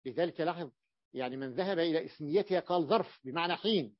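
A man teaching an Arabic grammar lesson, explaining slowly, often repeating and restarting words as he works through a point. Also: a little high, dry recording. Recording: dull lo-fi dry recording.

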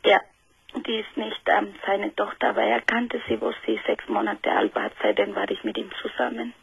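A woman caller from Ecuador, speaks hesitant, halting German on a muffled phone line. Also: medium pitch, steady tone, gravelly, breathy edge, no echo. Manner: halting, searching for words, broken German. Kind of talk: call-in phone conversation. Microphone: telephone.

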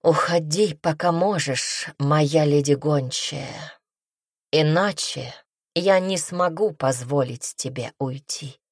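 Smug fanged king, purring and slow, very low pitch, read by a woman. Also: breathy edge, dry recording, clean studio sound, exaggerated voice. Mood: teasing. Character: smug seductive male king, fanged, commanding.

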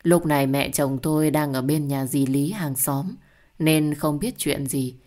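A woman telling a dramatic first-person story in an emotional reading voice. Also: low-pitched.

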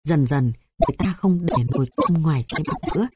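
A woman reading a memoir aloud in a measured, sorrowful way. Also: sits low. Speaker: narrator. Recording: noisy hissy recording.

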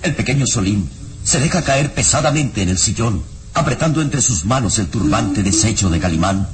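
A man narrating an old-time radio drama in a measured, even storytelling voice. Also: on the low side, a little hiss or hum. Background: dramatic background music.

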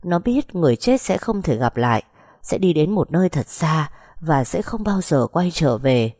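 Female storybook narrator, low and mellow, soft and measured. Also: big pitch swings, no echo, studio quality.

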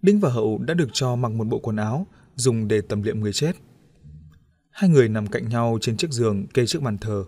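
A man narrating an audiobook story in a steady, even storytelling manner. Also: medium pitch, fairly quick, no room sound.

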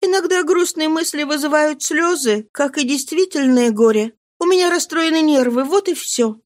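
A woman voicing a tearful, secretive young girl who answers softly and evasively in an audiobook. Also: high voice, normal speed, voice pushed up, natural voice. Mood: plaintive. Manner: soft, evasive, pleading. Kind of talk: audiobook reading.

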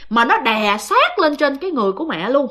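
A woman's voice: high voice, big pitch swings, brisk, sharp tone. A woman telling ghost stories in a chatty, casual way, often speaking straight to her listeners. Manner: chatty, addresses listeners directly, lots of fillers. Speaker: ghost story narrator. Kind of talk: casual spoken storytelling.

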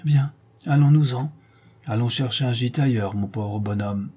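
A man voicing a tearful gentle ex-convict. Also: medium pitch, normal speed, breathy edge, natural voice. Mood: sorrowful. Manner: tearful, pleading, tender.

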